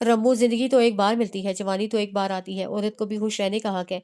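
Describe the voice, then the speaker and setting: A woman's voice: medium pitch, fairly even intonation, darkish tone, smooth, lightly acted. A woman reading the part of a persuasive young woman who coaxes her friend to leave her husband. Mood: coaxing. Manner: coaxing, insistent.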